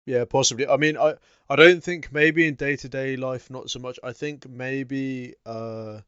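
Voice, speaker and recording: A young man with a smooth, clear voice co-hosts a podcast, picking his way through his thoughts with ums and pauses. The recording is dry and slightly dull and lo-fi. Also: mid-range voice, steady tone, a bit bright, no room sound. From United Kingdom. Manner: hesitant, full of ums and pauses. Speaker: podcast co-host. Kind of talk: casual chat. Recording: dull, lo-fi mic.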